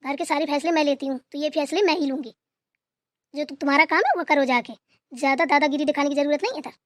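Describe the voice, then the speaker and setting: A woman's voice: high voice, fast talker, no room sound, natural voice. A woman voicing a stern, domineering grandmother in a cartoon who scolds and gives orders. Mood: scolding. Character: stern bossy grandmother, head of the house.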